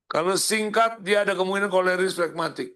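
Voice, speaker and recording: A man's voice: sits high, fairly quick, fairly bright tone, smooth. A man coaching a sales team, casual and slangy, acting out short example greetings. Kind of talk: coaching session.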